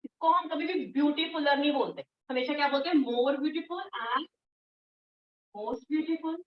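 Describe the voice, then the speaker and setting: A woman teaching English grammar in an online class, patient, repeating and drilling words slowly. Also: sits high, reverberant, distant mic, muffled recording. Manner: firm when scolding students.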